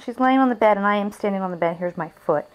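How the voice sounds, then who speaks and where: A woman's voice: mid-range voice, quick pace, poor audio. A young woman filming her baby at home for the grandparents, coaxing the baby with repetitive sing-song baby talk on a handheld camcorder in a bedroom.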